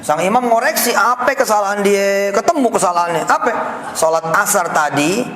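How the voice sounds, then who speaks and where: High-voiced preacher in an echoey mosque hall. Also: male voice, a little fast. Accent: Jakarta Indonesian. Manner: animated, jokey, slangy, banters with the audience. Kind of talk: lively mosque sermon. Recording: echoey hall, faint background noise.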